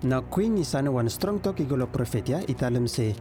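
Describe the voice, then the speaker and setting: A man's voice: medium pitch, expressive, fairly quick, warm tone. A man with a Vanuatu Melanesian pidgin accent, narrating a scripted Bible story. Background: music.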